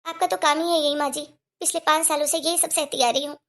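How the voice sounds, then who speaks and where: Cartoon role: young wife, mother of two, voiced by a woman; high, slightly gravelly, earnest pleading delivery. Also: fairly even intonation, quick pace, a bit bright. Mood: hurt.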